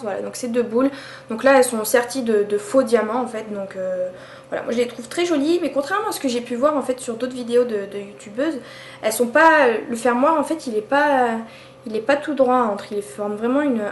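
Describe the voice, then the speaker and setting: A woman vlogger casually reviewing her purchases, chatty and hesitant, full of fillers and restarts. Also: on the high side. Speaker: beauty vlogger. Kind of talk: casual product haul review. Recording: echoey room with faint background noise.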